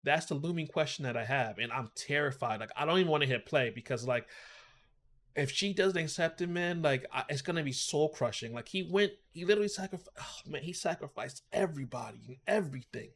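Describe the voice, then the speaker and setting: A man's voice: on the high side, expressive, a little fast, a bit bright. A man hosting a reaction video, talking emotively and repetitively as he thinks aloud. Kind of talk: casual reaction commentary.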